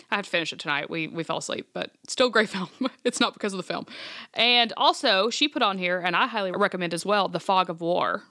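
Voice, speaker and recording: A woman's voice: medium pitch, pushed and bright, dry recording. A woman hosting a casual podcast, chatting in an upbeat, teasing way on a close studio mic. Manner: teasing, upbeat, quick banter. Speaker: podcast host.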